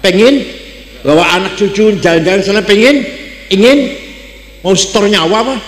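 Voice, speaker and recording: An older man with a Javanese accent giving a religious lecture, asking his listeners questions and switching between loud exclamations and dry jokes. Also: high voice, animated, normal speed. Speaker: Islamic cleric giving a talk. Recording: echoey hall with long reverb.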